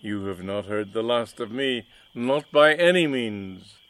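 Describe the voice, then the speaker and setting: A man voicing a theatrical, vengeful male stage magician who talks in loud, indignant declarations. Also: medium pitch, lively intonation, a little slow, dry recording.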